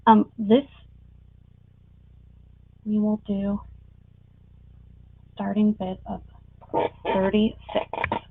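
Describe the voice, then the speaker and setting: A woman's voice: medium pitch, little pitch movement, very slow, creaky, pauses often. A woman working as an auctioneer on a live online sale, presenting items and calling bids. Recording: tinny phone-like sound.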